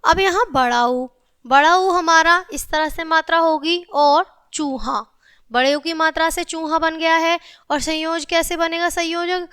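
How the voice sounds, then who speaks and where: A woman with a high, bright voice teaches children a grammar lesson. She spells out letters piece by piece at a careful pace and keeps checking in with the class. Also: fairly even intonation. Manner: spells out letters slowly, often says "theek hai".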